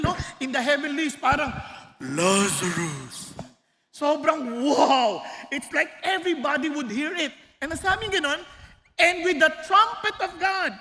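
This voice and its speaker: High-voiced man preaching in a hall. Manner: animated, mixes English into Filipino, shouts and laughs for emphasis. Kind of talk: sermon. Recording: long reverb of a large hall.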